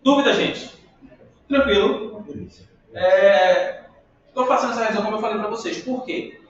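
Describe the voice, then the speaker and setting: A man's voice: high-pitched, normal speed. A man teaching an English class, upbeat, drilling pronunciation and calling on students by name. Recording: echoey, distant, muffled classroom recording.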